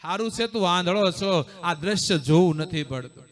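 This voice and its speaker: A man's voice: high voice, animated, normal speed. A man voicing Draupadi, pleading queen. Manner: pleading, imploring.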